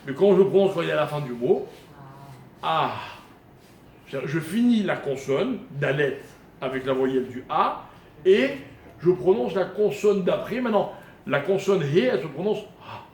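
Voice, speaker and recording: Male rabbi giving a live lesson, slightly high-pitched, quizzing listeners; roomy echo. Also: expressive, moderate pace, darkish tone. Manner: questioning listeners, explaining Hebrew grammar step by step. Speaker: rabbi teaching a Torah class. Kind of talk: live Torah lesson to a small audience. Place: room with a small live audience. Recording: echoey room recording with faint noise.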